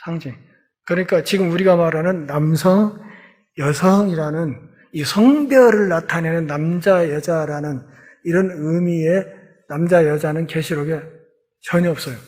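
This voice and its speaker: A middle-aged male pastor giving a Bible lecture sermon in a church, folksy and lively, acting out quoted voices with humor. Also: a little high, unhurried.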